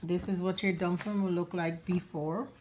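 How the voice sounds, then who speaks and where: Cooking show host, woman, slightly sick voice, relaxed chatty delivery, recorded in a noisy home kitchen. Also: fairly low pitch, normal speed. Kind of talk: casual cooking demonstration. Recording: clattering kitchen noise behind. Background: pots, dishes and cutlery.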